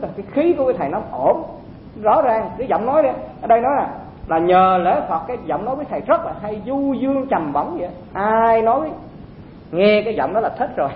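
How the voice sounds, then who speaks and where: A man giving a dharma talk to monks, in a conversational way with rhetorical questions. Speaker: Buddhist teacher addressing monks. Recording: echoey, phone-like sound with faint rumble.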